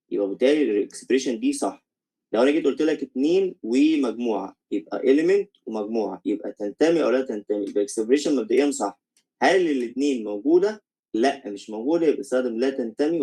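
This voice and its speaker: A man's voice: mid-range voice, mellow, slightly rough, rough recording. A young man with an Egyptian accent teaching college math in a recorded lecture, explaining step by step, checking "okay?" after each point and mixing English math terms into his Arabic.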